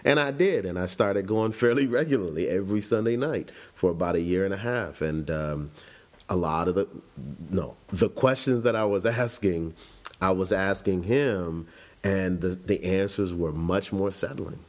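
In an interview, a Chicago man in his forties reflects on his life story in a low voice at normal speed. He talks conversationally and often restarts his sentences.

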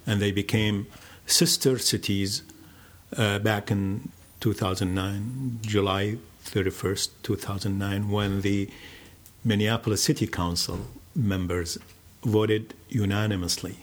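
An older man from Iraq, telling his life story in a slow, measured, reflective way with many pauses. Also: lowish voice, steady tone. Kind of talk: personal storytelling.

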